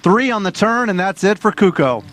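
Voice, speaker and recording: A man's voice: sits high, lively intonation, normal speed, fairly bright tone. A man giving plain, matter-of-fact play-by-play on a poker tournament. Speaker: poker commentator.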